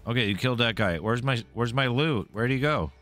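A man's voice: medium pitch, lively intonation, a little fast, a bit bright, faint music behind. A man streaming a game live, commenting casually, swearing freely and taunting the enemies he fights.

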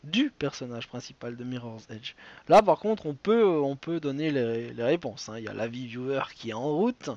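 A man's voice: mid-range voice, expressive, normal speed, darkish tone, dry recording, highs cut off. A man with a French accent hosting a live-streamed quiz game, chatty and full of joking asides and restarts. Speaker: quiz show host.

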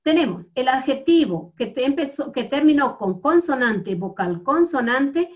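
A woman teaching English grammar to schoolchildren in Guatemalan Spanish, slow and patient, repeating words for the class to copy. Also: high voice, expressive.

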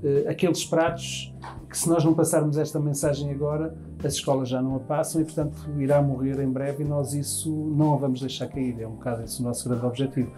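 A restaurant manager in his fifties, speaking with a European Portuguese accent, answers interview questions at length in an indoor dining room, restarting phrases often and gesturing with his hands. His mid-range voice is warm but flat and quick, with soft music behind him.

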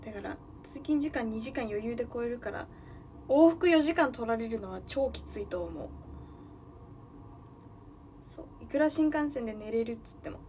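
A woman's voice: a little high, animated, normal speed, long pauses, dark tone, a little hiss or hum. A young woman from Nagano, chatting casually on a livestream, thinking aloud and greeting viewers often. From Nagano, Japan. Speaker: livestreaming idol.

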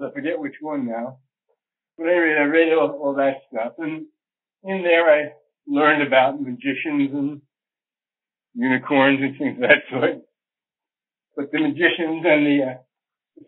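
Man on a tinny old radio recording. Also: a little high. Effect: old archived radio interview recording. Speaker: interview guest, astrologer. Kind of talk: relaxed storytelling in an interview.

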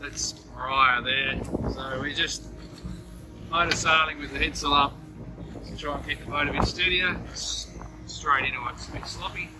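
An Australian man giving a relaxed, chatty running commentary from a catamaran, filmed on a phone. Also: a little high, normal speed, music in the background. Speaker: sailing vlogger. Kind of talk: casual narration on a boat. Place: on a catamaran outdoors.

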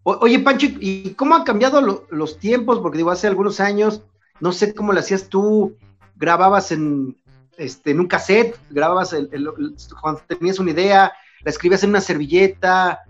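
A man's voice: high-pitched, moderate pace. A man hosting an interview, asking friendly, chatty questions with many restarts. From Mexico. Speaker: interview host. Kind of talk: casual interview. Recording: dull lo-fi sound with faint music.

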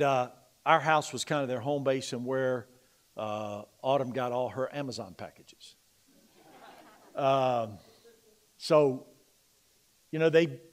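In a church sanctuary, a middle-aged male pastor with a medium-pitched voice preaches a sermon. He shifts between loud, emphatic preaching and quiet, confiding personal stories.

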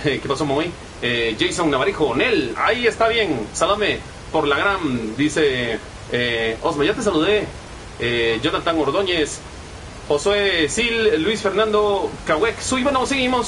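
A man's voice: fairly high pitch, fairly bright tone, a little hiss or hum, poor audio. A young man with a Guatemalan Spanish accent giving profane, chatty live gameplay commentary and reading chat messages aloud. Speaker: gaming streamer.

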